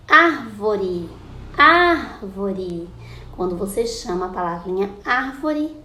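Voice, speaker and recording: A woman's voice: medium pitch, darkish tone. A woman teacher, giving a patient lesson and stretching out example words. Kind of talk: recorded school lesson. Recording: echoey room with faint background noise.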